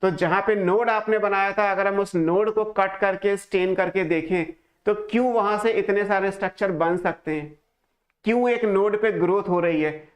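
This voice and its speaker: At a moderate pace, a man with a high, steady voice gives an online class. He works through the lesson step by step and answers his own questions, with English phrases woven into his Hindi.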